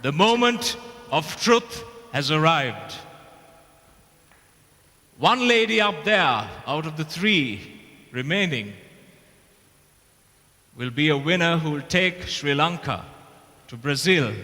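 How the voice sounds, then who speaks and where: A man hosting a beauty pageant on stage, announcing with a dramatic, drawn-out build-up. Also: a little high, expressive, pushed and bright. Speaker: pageant host. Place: large event hall stage. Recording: reverberant hall, crowd noise.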